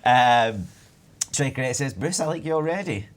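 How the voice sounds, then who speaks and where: A Scottish man in his twenties works as a community manager and chats on a live stream, rambling as he reads viewer comments aloud. His medium-pitched voice is animated and measured in pace.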